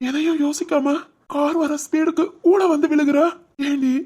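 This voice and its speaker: A woman's voice: on the high side, fairly even intonation, moderate pace, a little mellow, natural voice. A woman voicing a loving, anxious young husband and father in a cartoon family drama, talking in an emotional, protective way. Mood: tearful.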